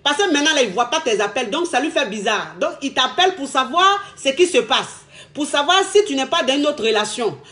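A woman's voice: high voice, fairly quick. A woman, giving emphatic, casual relationship advice as a coach. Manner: lively, emphatic, repetitive, laughing often.

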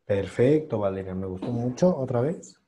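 Mellow-voiced man coaching pronunciation. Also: mid-range voice, expressive, slight background noise. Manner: patient, encouraging, drills sounds by slow repetition. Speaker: English pronunciation teacher. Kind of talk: online class pronunciation drill.

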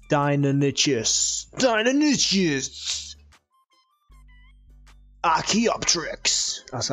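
A man chatting through gameplay in a playful, jokey way, taking his time over each phrase. Faint game music plays underneath his voice. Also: mid-range voice. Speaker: gaming channel host. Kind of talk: casual gameplay commentary.

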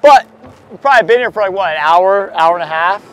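A man's voice: sits high, animated, a little fast, a bit bright, smooth, soft background music. A man in his thirties, a fishing captain hosting a casual vlog, teasing and laughing outdoors on a boat and a dock. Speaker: fishing captain and channel host.

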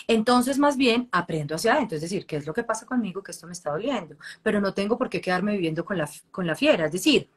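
Husky-voiced woman explaining with examples. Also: medium pitch. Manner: lively, acts out quoted voices. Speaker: co-host, coach. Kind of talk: casual chat, teaching by example.

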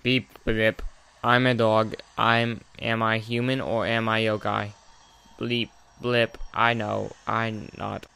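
A man's voice: lowish voice, level tone, takes it slowly, gravelly, sharp tone, clear, resonant tone, full character voice. A man voicing a formal, mechanical robot dog monster in a beeping robot voice as he reads game dialogue. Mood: glitchy. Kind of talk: reading game dialogue aloud.

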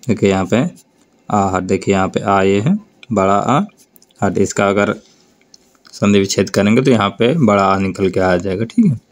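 A man teaching a grammar lesson for board exams, explaining slowly and over and over telling students to look and answer. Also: fairly low pitch. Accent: North Indian Hindi. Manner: slow, drawn-out explanation with repeated prompts to look.

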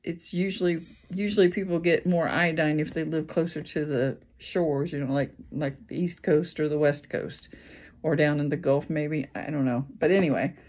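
A woman's voice: low voice, steady tone, moderate pace, darkish tone. Tired Midwestern woman chatting casually. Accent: Midwestern American. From Indiana, USA. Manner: rambling, many ums and restarts. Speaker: vlogger. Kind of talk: casual chat.

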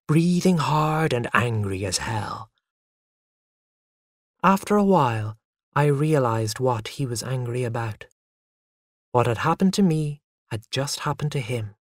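A narrator telling a first-person story for English learners in a lively way. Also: mid-range voice, a little slow, pauses often, dry recording, clean studio sound.

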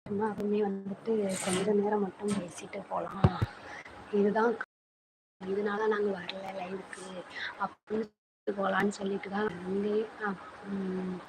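A woman with a Thanjavur Tamil accent hosts a phone live stream at her usual pitch and talks in a chatty, rambling way. She teases her son off to the side. There is steady background noise behind her voice. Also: normal speed. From Thanjavur, Tamil Nadu. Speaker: channel host on a live stream. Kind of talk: casual live-stream chat. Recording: noisy home live-stream audio.

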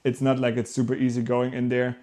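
A young man from Germany talking casually to camera as a vlog host, telling his story in an animated, rambling way with self-corrections. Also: mid-range voice, a little fast. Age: young adult. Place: small rooms at home, indoors.

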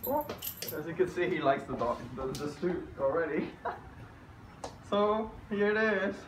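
A man's voice: on the high side, expressive, unhurried. A young man talking while wearing a costume head, giddy and exclaiming as he tries on a new fursuit. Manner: giddy, exclaiming, laughing often. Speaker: vlogger unboxing a fursuit. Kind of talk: casual excited chat. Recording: roomy, distant, noisy home video.

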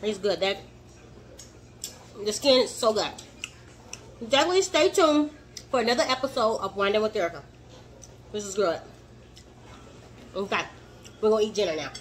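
A cooking vlogger chats with her viewers from a home kitchen, addressing them as "y'all" and making lots of "mm" sounds as she enjoys her food. Her medium-pitched voice is lively and moderately paced with frequent pauses, over slight background noise.

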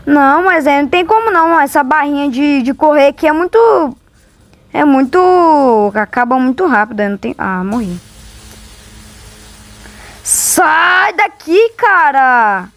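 A woman's voice: high-pitched, normal speed. A woman with a Brazilian accent giving casual, exclamatory, complaining commentary as a gamer playing along.

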